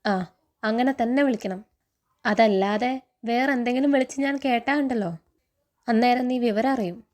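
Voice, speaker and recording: A woman reading the lines of a stern father who scolds and teases his daughters, in a steady recounting tone. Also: on the high side, moderate pace, natural voice. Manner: stern, threatening.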